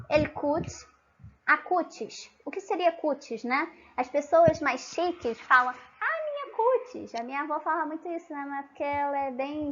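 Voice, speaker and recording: A woman's voice: high voice, a bit bright, dull audio. A woman with a Brazilian Portuguese accent giving an online language lesson, patient and explanatory, often checking in with the listener. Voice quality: patient, repeats and checks with frequent tag questions. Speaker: language teacher.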